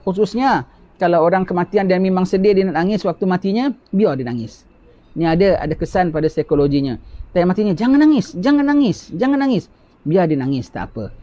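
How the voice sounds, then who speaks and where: With a fairly high, mellow voice, a man delivers a religious lecture, patiently explaining and repeating key phrases while asking rhetorical questions. He is a religious teacher, and the recording is dull and lo-fi.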